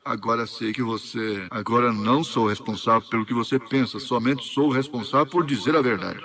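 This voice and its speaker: A man with a Brazilian accent interpreting a sermon line by line, steady and faithful. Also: mid-range voice, brisk.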